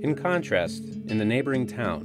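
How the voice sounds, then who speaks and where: A man narrating a documentary in a measured, formal tone. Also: medium pitch, big pitch swings. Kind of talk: scripted narration. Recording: music bed under narration.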